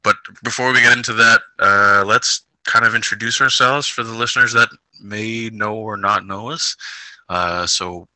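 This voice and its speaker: A bright, forceful-sounding man in his twenties co-hosts a podcast in easy, rambling chat, laughing between thoughts. The sound is close and dry, with no room around it. His voice sits a little low. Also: fairly even intonation, moderate pace, no echo, low-quality recording. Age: 20s. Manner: laughs often, loose and rambling. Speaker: podcast co-host. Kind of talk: casual chat.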